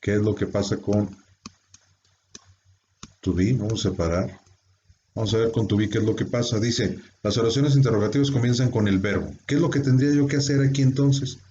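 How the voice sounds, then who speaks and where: A male English teacher with a low, dark voice gives a classroom grammar lesson, explaining step by step and using rhetorical questions. He speaks briskly, and the lo-fi recording sounds dull, with a little hiss or hum.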